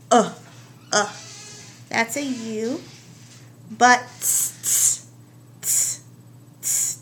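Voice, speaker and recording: A woman teaches young children to write, stretching each word into slow separate sounds. Her voice sits a little high. A faint hiss runs under the recording. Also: a bit bright. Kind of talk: home-recorded writing lesson for young children.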